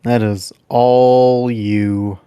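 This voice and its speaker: Guy playing a tabletop game, slow casual talker, dry sound, medium pitch. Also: level tone, smooth, no room sound, muffled recording. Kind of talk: casual chat.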